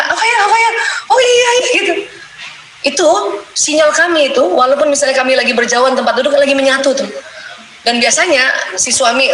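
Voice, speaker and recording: A middle-aged woman giving a playful religious marriage talk to women, acting out little prayers and dialogues. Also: on the high side. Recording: echoey room with loud background noise.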